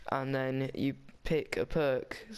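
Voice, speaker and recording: A man talks through a game walkthrough in a loose, rambling way, stopping and restarting as he goes. His voice is smooth and clear. His pitch stays flat and even throughout. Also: slow. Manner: rambling, chatty, with frequent restarts. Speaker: gaming guide maker. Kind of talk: casual game walkthrough voice-over.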